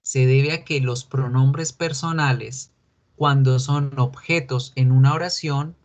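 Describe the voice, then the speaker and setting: Chatty man teaching an online class. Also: medium pitch. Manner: chatty, jokey, calls on students by name. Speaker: English teacher.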